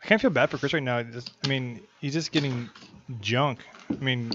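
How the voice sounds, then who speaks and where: A man's voice: medium pitch, normal speed, a bit bright. Joking male poker stream commentator. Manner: joking, chatty banter with viewers. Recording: slightly dull stream audio, faint hiss.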